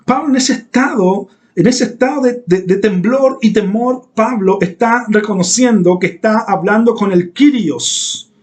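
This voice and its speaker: A man's voice: high voice, measured pace, hardly any pauses. A male pastor preaching a sermon in a church, emphatic and repeating key phrases for weight.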